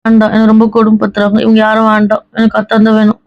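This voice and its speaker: A woman's voice: on the high side, monotone, rapid-fire. A woman playing a grown daughter who keeps insisting and pleading to be let go to work, in a family skit. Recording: dull lo-fi sound.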